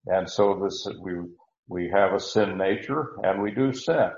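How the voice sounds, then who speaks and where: A man teaching verse by verse through a Bible passage, unhurried, with many fillers and restarts. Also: deep voice, darkish tone. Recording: roomy, dull lo-fi recording.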